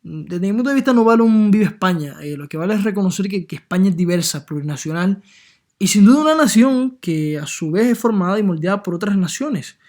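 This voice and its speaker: A man's voice: high voice, expressive, brisk, a little mellow. A man from Puerto Rico with a Puerto Rican Spanish accent, giving an earnest opinion monologue full of hesitations and filler sounds. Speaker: political commentator.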